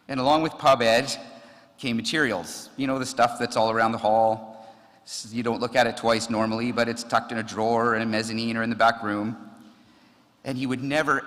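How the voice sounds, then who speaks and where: A firefighter giving a eulogy at a memorial service, telling funny stories about a colleague in a relaxed, conversational way. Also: male voice, medium pitch. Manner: conversational storytelling, frequent ums and laughs. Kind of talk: memorial tribute with anecdotes. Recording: long reverb of a large hall.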